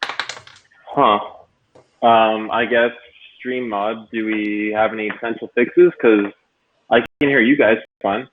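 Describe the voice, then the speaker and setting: A man's voice: on the low side, steady tone, slow pace, long pauses, slight background noise. A man hosts an online stream, his speech loose and chatty. His voice comes through a robotic, metallic-sounding mic, thin and phone-like over the call. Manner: loose and chatty, many fillers. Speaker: livestream host. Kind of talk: casual livestream hosting. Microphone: computer mic on a video call.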